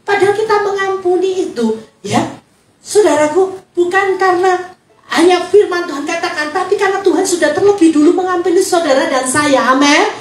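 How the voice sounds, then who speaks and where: A woman pastor, preaching a lively sermon and joking with the congregation. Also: extremely high pitch, a little fast. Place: church hall. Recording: echoey hall, distant mic.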